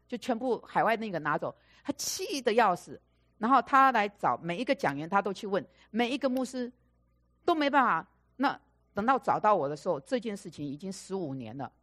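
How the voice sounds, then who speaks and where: A woman preaching a sermon through stories, repeating phrases for emphasis and acting out the dialogue. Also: mid-range voice. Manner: animated storyteller, acting out quoted dialogue. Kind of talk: storytelling sermon.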